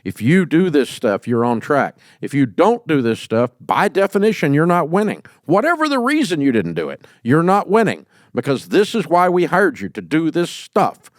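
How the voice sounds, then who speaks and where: A middle-aged man hosting an advice show, talking emphatically and folksily and jumping into loud acted quotes. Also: a little high, wildly swooping pitch, moderate pace, hardly any pauses, no echo, clean studio sound. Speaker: host giving leadership advice. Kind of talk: call-in advice talk.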